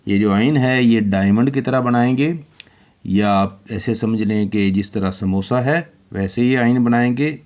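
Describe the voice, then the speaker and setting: A man teaching children handwriting, slowly spelling out letters one by one. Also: mid-range voice, darkish tone.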